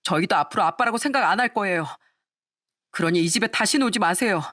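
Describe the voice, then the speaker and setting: A woman's voice: medium pitch, fast, fairly bright tone, close to an everyday voice. Woman voicing an indignant grown son. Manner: reproachful, firm. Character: eldest son, indignant and protective of his mother.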